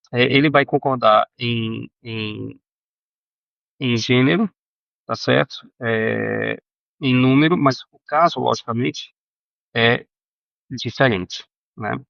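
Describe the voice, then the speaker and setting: A man teaching a recorded Greek grammar lesson, halting with fillers and self-corrections and often checking in with his students. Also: mid-range voice, vocal fry, a bit bright, no room sound, dull audio.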